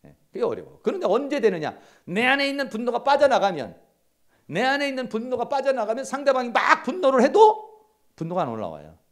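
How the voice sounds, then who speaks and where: Animated man lecturing with lively pitch. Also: fairly quick. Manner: animated storytelling, acting out quoted lines in hushed voices. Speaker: seminary lecturer. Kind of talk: lecture on counseling.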